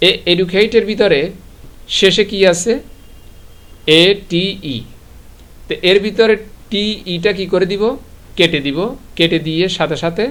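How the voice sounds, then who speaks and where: A Bangladeshi man with a fairly high voice teaches a live online grammar class. He poses a question, waits a beat and answers it himself, spelling words out letter by letter as he goes. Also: a bit bright.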